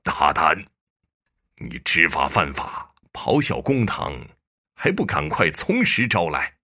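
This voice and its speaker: A shrewd, unhurried prefect judge, as a male storyteller puts him on questions a colleague with dry, stern mockery. The voice sits very deep with a gravelly edge, yet it keeps a bright, forceful ring. It is a judge who lets his calm do the threatening. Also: exaggerated voice. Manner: dry, measured, sternly mocking.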